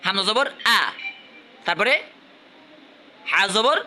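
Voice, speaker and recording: Bright-voiced man quizzing students. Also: sits high, lively intonation, slow, a little hiss or hum. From Bangladesh. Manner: coaxing, repeats questions, urges louder answers. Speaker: madrasa teacher. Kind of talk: classroom quizzing.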